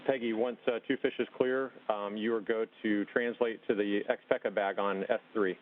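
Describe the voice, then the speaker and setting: A man acting as mission control communicator, speaking calm and clipped over a communicator radio link. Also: lowish voice, a little fast, a little hiss or hum. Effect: tinny sci-fi communicator radio. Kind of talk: radio comms with spacewalkers. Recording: narrow tinny radio link.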